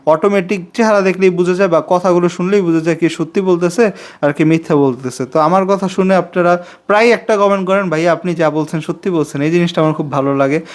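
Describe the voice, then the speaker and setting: Young male vlogger, twenties, slightly high voice, rambling, confiding to camera. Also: quick pace. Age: 20s. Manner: chatty and confiding, repeats himself, pleads for subscribers. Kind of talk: casual talking-to-camera vlog.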